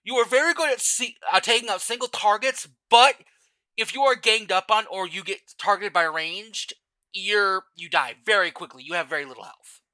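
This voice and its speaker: Tired gamer guy, high voice, really sharp bright tone, rambles and fixes his words a lot. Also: moderate pace, low-quality recording. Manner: rambling, often stops to correct himself. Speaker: gamer explaining a game class. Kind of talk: casual game guide voice-over.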